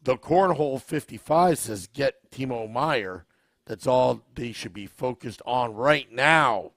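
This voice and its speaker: A podcast host with a scratchy, worn voice chats on a live stream, reading viewer comments and asking the audience questions in a relaxed, unhurried way. His voice is medium pitch, and the studio sound is clean with no echo.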